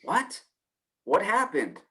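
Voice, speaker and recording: A man's voice: medium pitch, expressive, measured pace, fairly bright tone. An actor playing a worried, exasperated male friend who presses with blunt questions in a stage play. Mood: pressing, worried.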